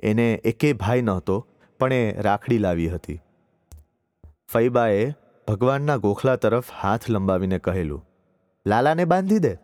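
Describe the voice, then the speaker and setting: A man narrating a story in a slow, measured reading voice. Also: lowish voice, darkish tone. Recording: dry voice with long reverb tail.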